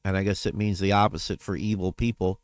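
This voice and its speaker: A man's voice: deep voice, flat delivery, fast. A man talking casually in a personal vlog update, rambling, trailing off and correcting himself as he goes. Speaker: vlogger.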